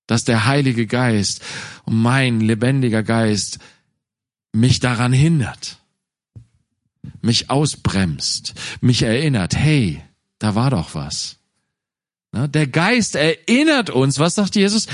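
Animated, slow-speaking German-language preacher man. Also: medium pitch, no room sound, clean studio sound. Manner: animated, acts out inner voices in quotes. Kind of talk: sermon.

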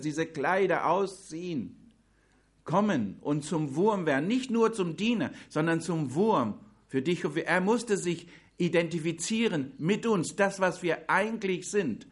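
Slow, emphatic preacher with a raised voice. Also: male voice, a little high, animated. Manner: slow, emphatic preaching, addressing the congregation directly. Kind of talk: sermon.

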